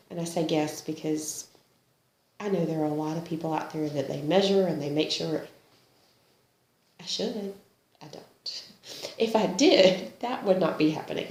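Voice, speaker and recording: A woman with a slight cold, sniffling now and then, casually shows off her cross-stitch projects, poking fun at herself and laughing a lot. Her voice is fairly low, creaky, and darkish in tone, and the room sounds echoey.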